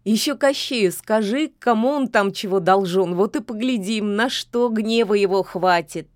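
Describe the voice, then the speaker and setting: A woman's voice: mid-range voice, unhurried, no echo, studio quality, lightly acted. A woman voicing a sly, down-to-earth female kikimora spirit with a folksy, mocking way of talking.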